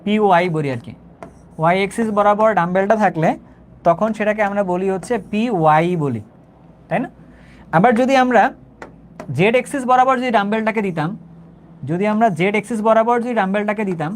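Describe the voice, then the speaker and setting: A young man with a Bangladeshi Bengali accent teaching a live chemistry class, conversational, repeating points and checking that students understand. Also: high voice. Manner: says he talks slowly, repeats himself.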